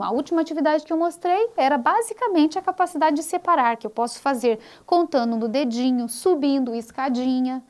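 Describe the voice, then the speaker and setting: A woman teacher giving a recorded online course lecture, explaining step by step and slowing down to stress example words. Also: sits high.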